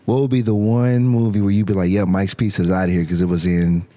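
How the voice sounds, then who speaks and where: A man hosting a casual podcast interview, asking friendly questions and cracking quick jokes. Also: lowish voice, flat delivery, warm tone. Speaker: podcast host.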